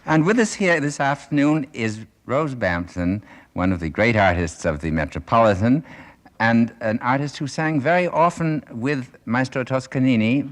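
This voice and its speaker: A man hosting a radio interview, asking gracious, measured questions, on an old radio broadcast. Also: mid-range voice, expressive. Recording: 1960s radio broadcast transfer.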